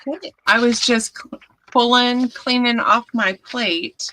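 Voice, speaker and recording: A woman chatting casually about crafts, talking haltingly with restarts. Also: on the high side, fairly even intonation, bright, forceful tone, a little hiss or hum, rough recording.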